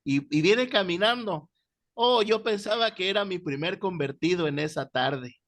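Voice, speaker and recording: Animated man teaching Bible class. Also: high-pitched, normal speed. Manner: animated storyteller, shouting out quoted voices. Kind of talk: classroom lecture with storytelling.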